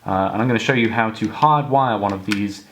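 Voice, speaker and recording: Young man, lowish voice, unhurried hobby tutorial host. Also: a little hiss or hum. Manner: relaxed, explanatory with frequent fillers and restarts. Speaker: model railway hobbyist tutor. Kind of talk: casual demonstration tutorial.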